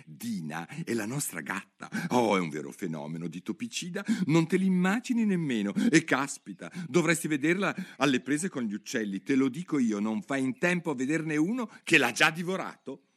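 A man's voice: medium pitch, animated, normal speed, few pauses, pitched above the performer's own voice, close to an everyday voice. A man doing a prim, curious little girl. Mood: eager. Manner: earnest, precise.

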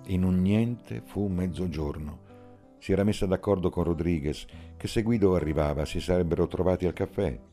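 A man narrating a literary audiobook in a slow, measured way. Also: low-pitched, mellow, faint music behind.

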